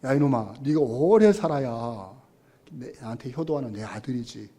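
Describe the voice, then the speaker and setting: Man acting a gruff stubborn old father. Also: mid-range voice, animated, moderate pace, dark tone. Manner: gruff scolding.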